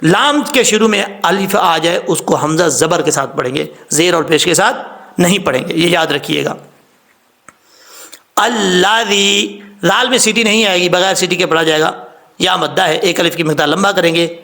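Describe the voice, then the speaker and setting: A man teaching Quran recitation rules, patiently explaining step by step, spelling out sounds slowly and repeating rules about common mistakes. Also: on the high side, fairly bright tone. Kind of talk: tajweed lesson.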